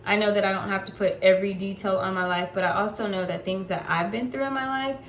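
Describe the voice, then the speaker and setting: A woman's voice: medium pitch, fairly even intonation, fast talker. A woman in her forties talking to camera in a casual vlog, chatty and unfiltered, with frequent ums. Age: 40s. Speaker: vlogger. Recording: echoey room with faint background noise.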